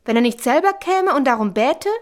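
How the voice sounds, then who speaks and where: A woman's voice: high voice, lively intonation, a little fast. A woman voicing a stubborn, hurt young girl, a robber's daughter, in a storybook reading, pleading and tearful.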